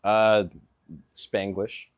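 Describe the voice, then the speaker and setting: Low-voiced laid-back young man. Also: monotone, drawn-out words, clean tone. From Venezuela, raised in Miami. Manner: laid-back, lots of ums and likes. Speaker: guest, NFL kicker. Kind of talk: casual interview answers.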